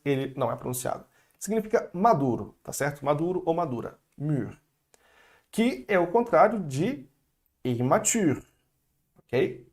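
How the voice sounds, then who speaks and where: Chatty Brazilian man teaching vocabulary. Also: medium pitch. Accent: Brazilian Portuguese. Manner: chatty, lively, stretches out words for learners to repeat. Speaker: French teacher. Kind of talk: relaxed video lesson.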